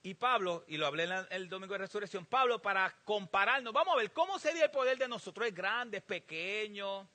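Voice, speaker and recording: A pastor preaching a sermon, asking the congregation emphatic rhetorical questions. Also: male voice, high-pitched, animated, brisk, hardly any pauses, pushed and bright. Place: church sanctuary.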